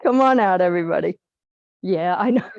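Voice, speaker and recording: A woman teaching a live group exercise class in a lively, chatty, joking and direct way. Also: lowish voice, a little fast, vocal fry, dry recording, lo-fi sound. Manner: direct, plain-spoken coaching. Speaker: posture exercise instructor.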